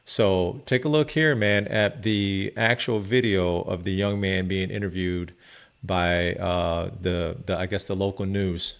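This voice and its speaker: A man's voice: low voice, fairly even intonation, measured pace, clean tone. A man giving casual, conversational video commentary as he fact-checks. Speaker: commentator debunking a viral post.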